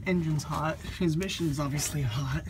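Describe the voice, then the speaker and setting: Recorded on a handheld phone in a moving car and later outdoors beside it at night, a DIY car vlogger casually explains a repair step by step. His voice is a little high and his pace moderate; he rambles, thinks aloud, and says um a lot. Loud road and engine noise fills the audio.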